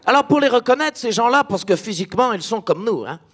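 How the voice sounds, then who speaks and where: A pompous dictator speechifies in a thick Belgian French accent, as a man puts him on. The voice sits high. He keeps breaking off into jokey asides. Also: expressive, fast, a bit bright, heavily acted.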